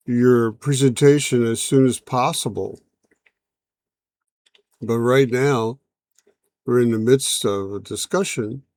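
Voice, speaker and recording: Flustered male president, polite but firm, slow and close, a man reading the part. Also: medium pitch, no room sound. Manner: polite, bureaucratic objections.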